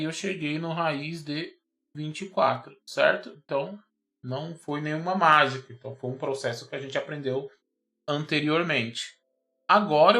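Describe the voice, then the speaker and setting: A man's voice: a little high, pushed and bright. A man with a Brazilian Portuguese accent, teaching a math lesson patiently and checking often that the student follows. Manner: patient and repetitive, checks understanding with "certo?" and "ó". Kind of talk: explaining math at a whiteboard.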